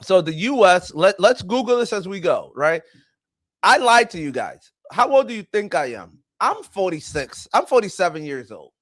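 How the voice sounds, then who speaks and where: A man's voice: high voice, sing-song, moderate pace, a bit bright, no echo. A man in his forties hosting a live stream, chatting casually and rambling with self-corrections as he greets viewers. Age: 40s. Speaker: livestream host. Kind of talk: casual livestream chat.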